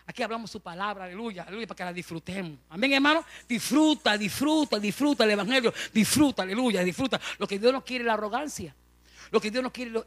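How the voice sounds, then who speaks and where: Preacher guy, really high bright voice, fired up, amen every other line. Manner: fervent, addresses congregation as brother, frequent amen and hallelujah. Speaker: pastor. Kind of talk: lively Spanish-language sermon.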